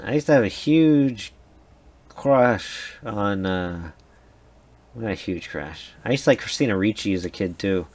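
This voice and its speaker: A man's voice: on the low side, lively intonation, unhurried, a little mellow. A young man co-hosting a let's-play, chatting casually and rambling with fillers and laughs. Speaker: gaming co-host.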